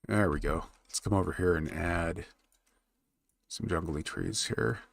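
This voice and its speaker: A man with a low, gravelly voice talks casually to his stream as he works on a map. He mutters quietly to himself between remarks, then lifts his voice to talk to chat. The sound is close and dry, with typing and mouse clicks behind him. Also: unhurried, dry recording. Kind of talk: casual live-stream chat while working.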